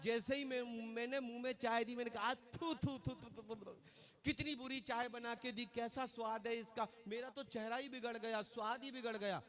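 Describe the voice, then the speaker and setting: A man's voice: very high voice, steady tone, fairly quick, hardly any pauses, fairly bright tone. A man compering a religious festival stage, telling comic anecdotes and calling for applause. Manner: joking storyteller who leads applause.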